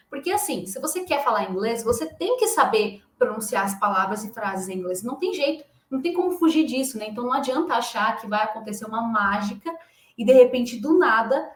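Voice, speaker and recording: Brazilian lady teacher giving a pep-talk lesson, kinda high voice, pushy and emphatic, roomy echo. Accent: Brazilian Portuguese. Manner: emphatic, insistent, tags sentences with questions. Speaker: English teacher. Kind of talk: motivational online lesson.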